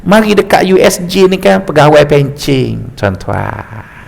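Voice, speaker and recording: A man's voice: on the high side, a little slow, creaky. A middle-aged man with a Malaysian Malay accent giving a mosque lecture, joking and telling stories with stammered restarts. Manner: lively, jokey storytelling with stammered restarts. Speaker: religious teacher.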